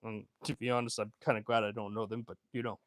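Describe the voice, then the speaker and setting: A fashion designer streamer chats casually on his livestream, answering viewer comments while rambling with lots of fillers and restarts. His voice sits on the low side, delivered flat and fast, with no room sound.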